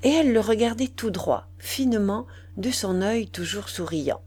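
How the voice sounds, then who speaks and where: A woman reading a classic novel aloud in calm, measured narration. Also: medium pitch, husky. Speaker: reader.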